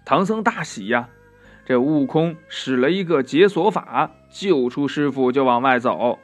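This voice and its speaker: Man telling a kids story, slow n lively, stretches his phrase endings, faint music. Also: medium pitch. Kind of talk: children's story narration.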